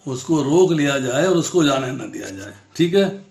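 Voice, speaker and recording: A man's voice: medium pitch, lively intonation, normal speed, creaky, darkish tone. Man teaching scripture in an echoey room. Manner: explains with simple examples, questions the class; mixes English words into Hindi. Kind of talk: scripture lesson.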